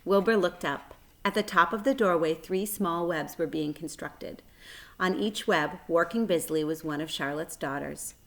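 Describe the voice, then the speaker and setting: A woman with a slightly low voice reads a children's book aloud. Her storytelling is measured and expressive, following the narration phrase by phrase.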